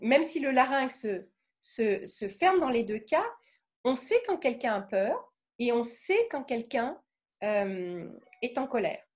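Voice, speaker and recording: A French woman giving a lively talk on the voice, acting out emotions with sudden vocal bursts and often checking in with her audience. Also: fairly high pitch, takes it slowly. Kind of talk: lively spoken lecture with demonstrations.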